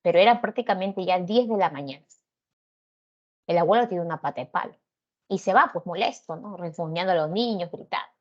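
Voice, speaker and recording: Peruvian lady teacher walking the class through a story, lowish voice, chatty, muffled lo-fi recording. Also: a little fast. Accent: Peruvian Spanish. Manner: conversational, frequent tag questions. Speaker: literature teacher.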